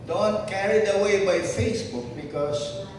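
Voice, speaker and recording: A man in his seventies with a Filipino accent, a former teacher giving slow, reflective, fatherly advice to his old students at a reunion. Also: sits high, a little mellow. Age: 70s. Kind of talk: heartfelt speech to former students. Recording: echoey hall from far off, noisy.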